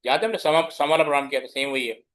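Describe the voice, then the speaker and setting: The middle-aged teacher's voice is a little high and fairly bright, and he races along. In this computer science lecture, he breaks things down step by step in Hindi laced with English terms, checking in with students as he goes.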